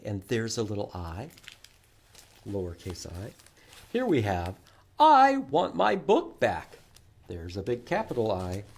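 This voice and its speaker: Reading to young kids at a library storytime, a man uses a fairly low voice in an animated, sing-song style, asking questions and repeating words. A little hiss or hum can be heard.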